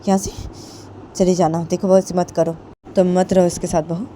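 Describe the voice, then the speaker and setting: A woman voicing a calm father-in-law who quietly advises his daughter-in-law. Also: lowish voice, moderate pace, slight background noise, natural voice.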